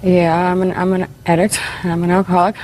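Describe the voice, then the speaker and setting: Casting: woman, thirties, court defendant, deferential, flat intonation, dark soft tone, faint noise. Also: lowish voice, quick pace. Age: 30s. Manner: subdued, deferential. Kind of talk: brief courtroom answers.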